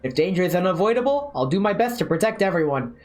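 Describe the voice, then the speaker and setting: A woman's voice: lowish voice, big pitch swings, fast, darkish tone. A woman voicing an earnest, determined anime hero, a protective commander giving resolute lines from a game story.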